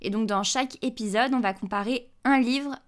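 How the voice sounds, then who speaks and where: A woman guest on a podcast, explaining things in a relaxed, casual chat. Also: a little high, moderate pace. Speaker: podcast guest and host of her own podcast.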